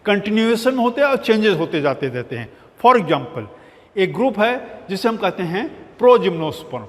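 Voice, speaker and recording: A man's voice: high voice, big pitch swings, moderate pace. A man teaching a botany lecture, explaining terms patiently and slipping English words into his talk. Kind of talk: recorded lecture. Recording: long hall reverb.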